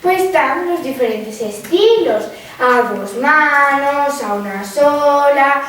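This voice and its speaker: A woman's voice: high-pitched, animated, slow, a bit bright, heavily acted. A woman with an Asturian accent playing an earnest, easily hurt countrywoman in a comic stage interview. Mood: matter-of-fact. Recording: very echoey hall, distant, faint noise.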